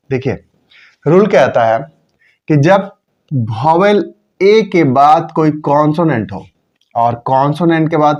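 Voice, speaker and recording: A man's voice: on the high side, darkish tone, highs cut off. A man teaching English pronunciation, drilling example words by asking and repeating them. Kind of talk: classroom-style lesson.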